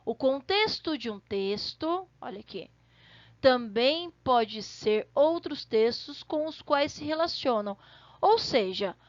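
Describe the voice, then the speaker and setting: A woman teaches an online class in a high, bright voice, explaining patiently and checking in with her students after nearly every point. The recording is dry and a little muffled, as if made on a simple home mic. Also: dry recording. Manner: explanatory, checks in with frequent tag questions. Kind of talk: online language lesson.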